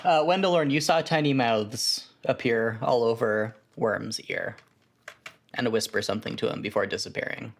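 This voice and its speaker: Game master, tabletop RPG narration, medium pitch, noisy recording with clicks. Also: moderate pace.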